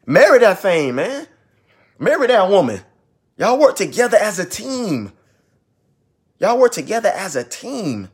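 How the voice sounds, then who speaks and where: Emphatic young man preaching advice, lively pitch. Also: a little slow, long pauses, breathy edge. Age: 20s. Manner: emphatic, repeats phrases for stress. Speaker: ministry vlogger. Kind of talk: preachy casual monologue.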